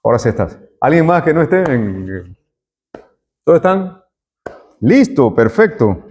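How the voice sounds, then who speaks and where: A man's voice: medium pitch, sing-song, a little slow, a little mellow, breathy edge. A middle-aged man, a university lecturer taking roll and chatting with students in a classroom. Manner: friendly, chatty, jokes with students.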